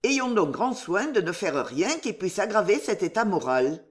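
A woman reading aloud, voicing a calm male colonel who speaks in a measured, persuasive way. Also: medium pitch, natural voice.

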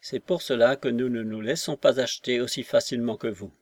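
A man's voice: medium pitch, a little fast, no room sound, close to an everyday voice. A man reading an audiobook and voicing a fierce older woman revolutionary who speaks vehemently and pointedly. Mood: earnest. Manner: vehement, indignant, lectures pointedly.

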